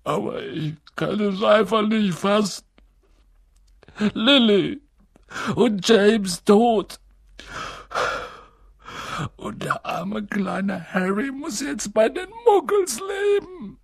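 A huge, soft-hearted half-giant with a deep, rough and gravelly voice, as a narrator puts him on. The voice is husky and dry, and the storybook delivery is unhurried. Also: male voice, expressive, no echo, exaggerated voice. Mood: wailing. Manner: gruff, deep and rough, breaks into sobs. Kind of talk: audiobook character voice.

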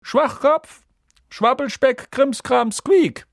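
A man voicing a jolly, eccentric old male wizard headmaster, speaking slowly, loudly and grandly in an audiobook. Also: very high-pitched, creaky, no echo, studio quality, pitched above the performer's own voice, heavily acted. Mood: grand, cheerful. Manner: slow, loud, grandly welcoming. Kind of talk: audiobook character voice.

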